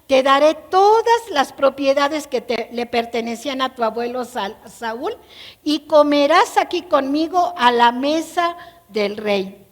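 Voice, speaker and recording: A woman voicing a kind king who greets a guest warmly, with slow, loud exclamations. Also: high voice, expressive, long reverb tail. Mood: reassuring.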